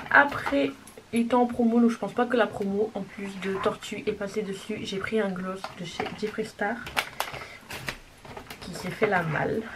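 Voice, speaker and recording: A woman showing off a makeup haul in a casual, gushing way, sometimes dropping to a soft whisper. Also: medium pitch. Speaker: beauty vlogger. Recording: distant mic with clear background noise.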